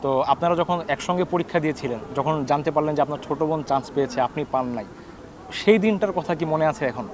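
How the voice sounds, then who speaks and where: A man's voice: on the high side, fast, background noise. A man, a TV sports host asking questions with frequent hesitation fillers. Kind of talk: interview questions.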